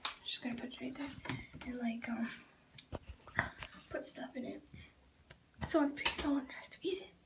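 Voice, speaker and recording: A woman's voice: sits high, steady tone, moderate pace, vocal fry, long pauses. A teenage girl whispering through a casual home prank vlog, rambling with lots of fillers. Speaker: vlogger.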